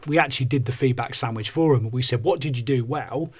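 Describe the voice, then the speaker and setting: Guy on a podcast, bit raspy, mid pitch, life coach chat, positive and explanatory. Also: quick pace. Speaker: podcast co-host and workshop coach.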